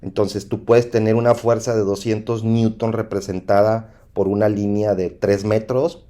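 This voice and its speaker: Man, Mexican accent, engineering teacher, mellow low voice, checks in often. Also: flat delivery, normal speed. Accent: Mexican Spanish. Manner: repetitive, asks "¿sí?" to check understanding. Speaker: engineering instructor. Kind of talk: lecture over slides.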